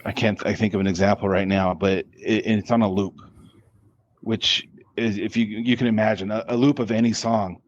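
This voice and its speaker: A man's voice: fairly low pitch, steady tone, no echo, lo-fi sound. A man, a podcast guest, answering interview questions casually, often stopping and restarting his words. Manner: halting, with many restarts and repeated words.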